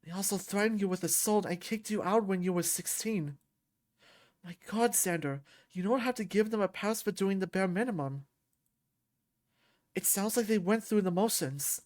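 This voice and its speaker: Soft-spoken male therapist, voiced by a woman, gentle, slow, soothing. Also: mid-range voice, lightly acted.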